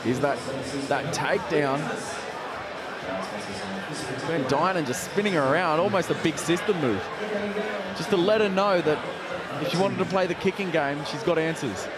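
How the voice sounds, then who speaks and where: A man's voice: on the high side, moderate pace, pauses often. Man calling fights over a roaring crowd. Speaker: play-by-play fight commentator. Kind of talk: live MMA commentary. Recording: loud crowd noise behind commentary. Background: noisy fight crowd.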